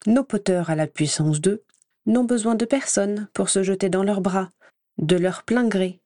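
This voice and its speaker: A woman reading an audiobook voices a sneering, spiteful male professor who speaks slowly and mockingly. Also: mid-range voice, mellow, dry recording, studio quality, close to an everyday voice. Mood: scornful. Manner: slow, scornful, mocking.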